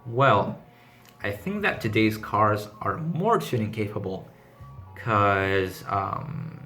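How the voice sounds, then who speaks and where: Slow, pushed and bright, with lively intonation and a low-side pitch, the voice belongs to a car channel host from Greece with a Greek accent. In a casual vlog with background music, he reads questions aloud and answers each one briefly and matter-of-factly.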